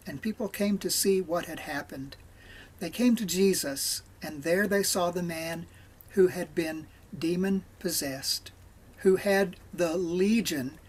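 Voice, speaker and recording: A man leads a morning devotional, reading a Bible passage aloud. His voice is slightly husky, and he reads at a slow, measured pace with frequent pauses. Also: a little high. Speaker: devotional leader. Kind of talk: scripture reading.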